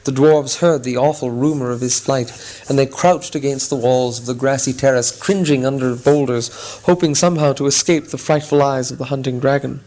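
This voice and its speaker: Male narrator, audiobook storytelling, measured and expressive, mid-pitched voice. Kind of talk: scripted narration.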